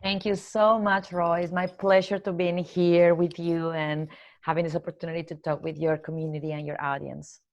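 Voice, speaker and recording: A woman from Colombia speaks English with a Colombian accent and a low, gravelly voice. She answers interview questions earnestly, laying out her ideas step by step. The audio is dry and somewhat dull and lo-fi. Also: little pitch movement, darkish tone, dry recording. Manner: earnest, listing ideas in measured steps. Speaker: guest, corporate trainer and coach.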